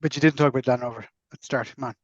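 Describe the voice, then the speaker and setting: An Irish man co-hosting a podcast, chatting casually and cracking quick jokes. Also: mid-range voice, steady tone, no room sound, dull audio. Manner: joking, quick quips. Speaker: podcast co-host. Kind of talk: casual chat.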